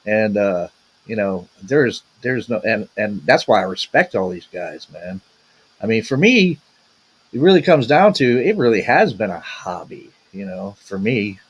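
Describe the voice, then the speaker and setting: A man's voice: lowish voice, very animated, measured pace, husky, rough recording. A man co-hosting a casual podcast, rambling and tossing in "man" and "you know" often. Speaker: podcast co-host.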